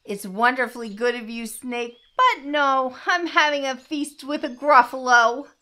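A woman voicing a small, clever brown mouse in a storybook read-aloud, chirpy and excitable. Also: high voice, measured pace, voice pushed up. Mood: boastful.

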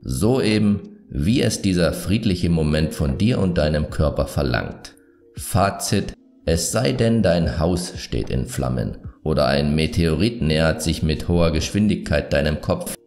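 A man narrating a scripted self-improvement video, giving advice in a calm, measured, self-assured way. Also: very deep voice, faint music behind.

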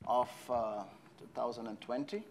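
A man in his thirties from Brazil, lecturing on a lapel mic in a large empty lecture hall, friendly and halting with fillers as he writes on the board. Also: mid-range voice, steady tone, darkish tone, a little hiss or hum. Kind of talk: university lecture.

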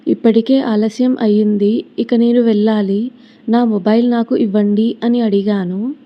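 A woman telling a horror story as scripted narration, in a steady, even storytelling delivery. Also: on the high side. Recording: dull lo-fi recording.

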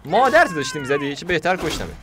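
A young man casually commentating a video game he plays, joking, chatting to the game characters and sometimes bursting into shouts. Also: on the high side, very animated, noisy background. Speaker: gaming YouTuber. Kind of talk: casual Let's Play commentary.

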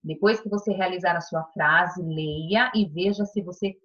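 A woman's voice: lowish voice, normal speed, fairly bright tone, lo-fi sound. A young Brazilian woman teaching a recorded online class, cheerful and sing-song, stretching the key words as she goes. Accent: Brazilian Portuguese.

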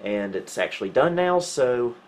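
A man hosts a retro computing video indoors in a small home room, talking casually and wryly while he reasons through tech troubleshooting. His voice is medium in pitch, very animated, and at normal speed.

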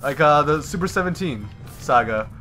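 Easygoing young man, bright tone. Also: fairly high pitch, expressive, faint music behind. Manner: easygoing, reacting to play with quick remarks. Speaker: gaming channel co-host. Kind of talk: casual gameplay commentary.

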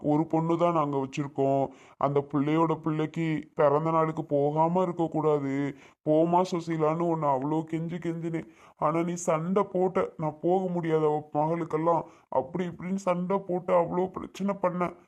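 A man's voice: fairly high pitch, lightly acted. A man playing an older father in a homemade family drama, speaking in an earnest, pleading and reproachful way.

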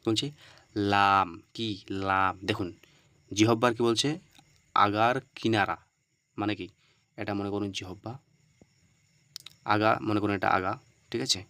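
Low-voiced man teaching letter sounds. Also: level tone, unhurried, pauses often, clear, resonant tone, no echo. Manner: repeats letter sounds loudly, asks and answers his own questions. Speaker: Quran pronunciation teacher. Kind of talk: step-by-step explanatory teaching.

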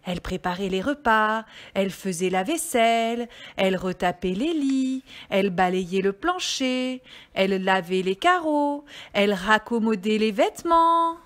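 A woman, a kindergarten teacher, reading a storybook aloud to young children in a gentle, expressive way. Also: medium pitch, unhurried.

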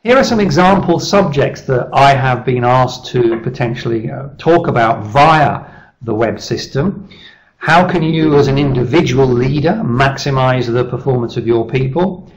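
A middle-aged man speaks over a webcam link from an office, pitching a service in a measured, persuasive way. His voice sits at an ordinary middle pitch. The audio is a little dull, like a web stream. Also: expressive. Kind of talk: business presentation over slides. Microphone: webcam video call.

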